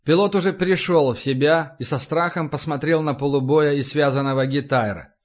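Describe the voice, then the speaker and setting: Male audiobook narrator with a fairly high voice and even delivery, muffled lo-fi recording. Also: moderate pace. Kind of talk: audiobook narration of an action novel.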